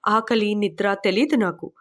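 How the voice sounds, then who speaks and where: A woman's voice: mid-range voice, unhurried, close to an everyday voice. A woman reading the part of a curious, teasing young woman traveler in an audiobook, asking playful questions. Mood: earnest.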